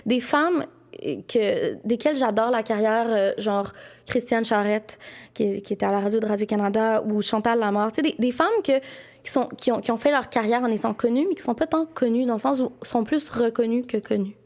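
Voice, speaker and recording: A woman's voice: a little high, brisk, a little mellow. A young woman with a Quebec French accent, chatting casually as a podcast guest and filling her speech with little asides. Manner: chatty, lots of fillers like "là" and "tu sais". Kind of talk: casual interview chat.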